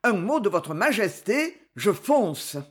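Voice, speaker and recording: A reader voicing a proud, fiery young adventurer in an audiobook, with loud, impassioned, defiant outbursts. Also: medium pitch, big pitch swings, slow pace. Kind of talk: audiobook character reading.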